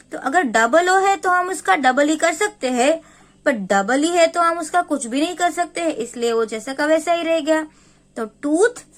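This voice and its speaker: A woman teacher with an Indian English accent explaining grammar to young pupils, spelling words out letter by letter and answering her own questions. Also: high-pitched. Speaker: primary school English teacher. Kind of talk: slow classroom explanation mixing Hindi and English.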